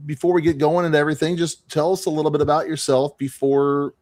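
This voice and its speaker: A man's voice: on the high side, little pitch movement, quick pace, darkish tone, no echo. A man co-hosting a casual show, chatty and prone to repeating words. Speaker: co-host. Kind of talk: casual chat.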